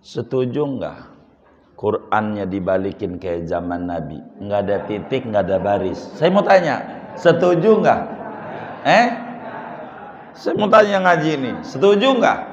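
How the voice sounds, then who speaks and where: A man's voice: fairly low pitch, expressive, measured pace. A male Islamic preacher, giving a religious lecture and teasing the audience with questions. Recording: dull lo-fi sound in a reverberant hall.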